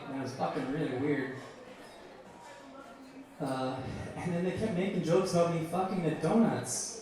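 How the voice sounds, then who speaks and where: A man's voice: a little high, darkish tone. Young man telling profane stage stories. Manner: profane, meandering anecdotes. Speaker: stand-up comedian. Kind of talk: stand-up storytelling. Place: bar. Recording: echoey bar from far off.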